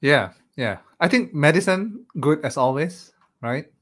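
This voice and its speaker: Male podcast co-host, relaxed and analytical, lots of hesitations. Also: a little high, a little slow. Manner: thoughtful, hesitant, many "um"s and "right?". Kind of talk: casual chat.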